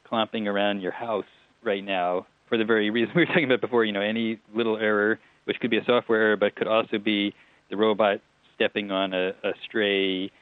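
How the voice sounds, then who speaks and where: A man's voice: on the low side, little pitch movement, brisk, dry recording. A man being interviewed about a show he made, talking in a chatty, digressive way with small laughs and restarts. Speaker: TV writer-producer guest. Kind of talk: relaxed interview answers. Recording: tinny phone line.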